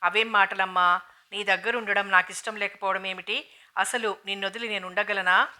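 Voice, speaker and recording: A woman's voice: mid-range voice, steady tone, normal speed. A woman reading as a meek, helpless grown son. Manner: soft and helpless. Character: meek, dutiful grown son, soft-spoken. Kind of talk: audiobook novel reading.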